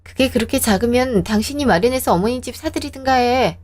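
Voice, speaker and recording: A woman reading a scripted radio drama as narrator and wife, in a sharp, indignant way. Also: fairly high pitch, a little fast, a little hiss or hum.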